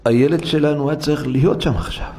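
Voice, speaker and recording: A man's voice: a little high, mellow, slightly rough. A man preaching as a rabbi in a synagogue, telling a story and acting out each character's voice with animation. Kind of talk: sermon storytelling.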